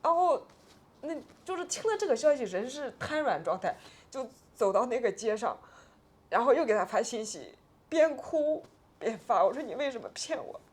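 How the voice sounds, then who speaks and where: A woman's voice: on the high side, very animated, normal speed, breathy edge. A woman in her forties, an interview guest, telling a painful personal story with agitated, tearful swings between subdued and raised voice.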